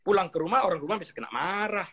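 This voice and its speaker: A man's voice: high voice, expressive, rapid-fire, bright, forceful tone, slightly rough. A middle-aged man, a pastor, teaching in conversation, telling stories animatedly and acting out dialogues, with English phrases mixed in.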